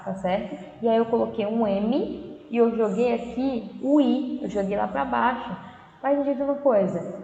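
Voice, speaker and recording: A woman's voice: a little high, gravelly, darkish tone. A Brazilian woman teacher giving a lesson, explaining patiently and often checking in with her students. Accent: Brazilian Portuguese. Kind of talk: remote class lesson. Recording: echoey room, dull lo-fi audio, faint noise.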